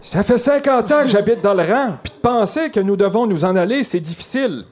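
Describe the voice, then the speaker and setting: A man's voice: high voice, expressive, brisk, darkish tone, voice pushed up. A Quebec French man voicing an older, distressed rural man speaking plaintively about having to leave his family land.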